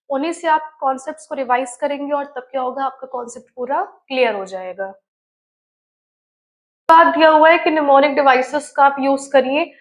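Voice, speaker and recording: A woman biology teacher giving an online study-tips lesson, who explains step by step and keeps asking and answering her own questions, with terms. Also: high voice.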